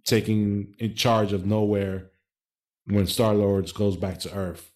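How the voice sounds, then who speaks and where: A slightly low-voiced man co-hosting a casual podcast. He lays out his thoughts at length, leaning on fillers as he goes. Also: fairly even intonation, takes it slowly, a little mellow. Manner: conversational, explaining at length with fillers. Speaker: podcast co-host. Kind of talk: casual chat.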